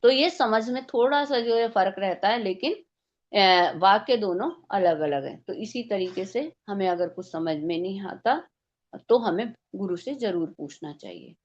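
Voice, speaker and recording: A woman's voice: medium pitch, lively intonation, measured pace, muffled recording. A woman teaching a devotional scripture class, explaining step by step and posing rhetorical questions.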